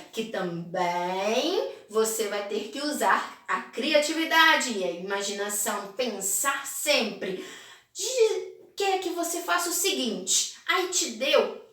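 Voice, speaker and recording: A Brazilian woman teacher correcting exercises in a recorded class for children, slow and encouraging, in a sing-song manner. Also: high voice, bright, forceful tone. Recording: echoey room, mic at a distance.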